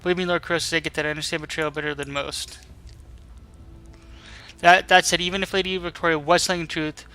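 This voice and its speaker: A man voicing a grave, honorable older lord, reading video game dialogue in a formal, measured manner. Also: fairly high pitch, bright, forceful tone, smooth, rough recording. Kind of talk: dramatic read-aloud of game dialogue.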